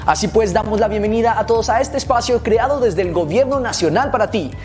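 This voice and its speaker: A woman's voice: fairly high pitch, fairly quick, darkish tone, faint music behind. A woman reading a scripted welcome for an educational program in a formal announcer's manner. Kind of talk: scripted introduction.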